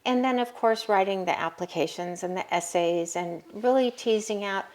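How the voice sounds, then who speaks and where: A woman's voice: medium pitch, normal speed, a little mellow. A woman college counselor and business owner, answering interview questions in an explanatory way.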